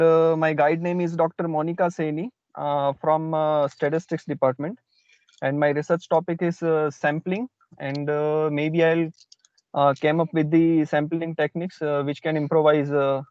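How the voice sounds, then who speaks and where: A man's voice: on the high side, level tone, moderate pace, darkish tone, smooth, no room sound. A man with an Indian accent introducing himself in an online class as a research student, hesitant and deferential. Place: in a car outside a hospital. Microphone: online call. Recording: dull lo-fi online call audio.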